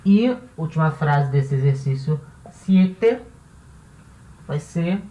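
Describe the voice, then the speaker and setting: A woman's voice: sits low, lively intonation, slow pace, mellow. A woman who teaches a language lesson. She explains each step patiently and often checks in with the class. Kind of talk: classroom-style video lesson. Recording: roomy echo, voice from a distance off the mic.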